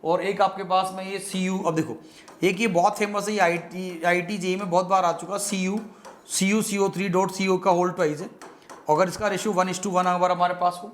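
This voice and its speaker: A fairly high-voiced man teaches chemistry at a rapid clip. He fills the lesson with playful jokes and memory tricks and keeps calling his students beta. He slips English phrases into his Hindi as he talks. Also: level tone. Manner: playful, jokey mnemonics, calls students beta. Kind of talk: fast-paced exam revision lecture.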